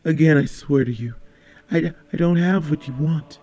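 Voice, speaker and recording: A man's voice: fairly high pitch, unhurried, darkish tone. A man voicing a frightened old Italian man who pleads and stammers for his life. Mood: pleading. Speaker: audiobook character.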